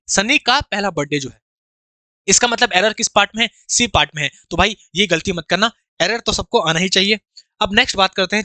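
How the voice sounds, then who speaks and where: Upbeat indian guy teaching grammar for exams, high ringing voice, dry close sound. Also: no room sound. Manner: energetic, chatty, calls students "bhai". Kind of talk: exam-prep grammar lesson.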